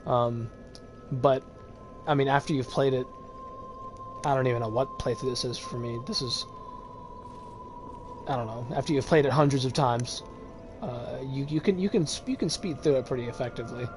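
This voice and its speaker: A man streaming a video game, giving casual, rambling commentary full of fillers and quick chuckles. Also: mid-range voice. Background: game music.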